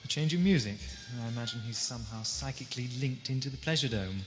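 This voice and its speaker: A man's voice: medium pitch, fast, soft background music, natural voice. A man playing a wry, articulate adventurer doctor in an audio drama, dry and sarcastic. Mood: dryly curious. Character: wry, sardonic male time-travelling adventurer doctor. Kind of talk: amateur audio drama acting.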